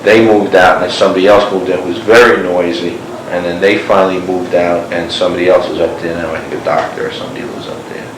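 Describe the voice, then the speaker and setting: Speaking fast with barely a pause, a low-voiced man keeps a level tone as he's interviewed as a one-time neighbor. His talk drifts, full of "you know" and "like," captured on a hissing, echo-laden old cassette tape.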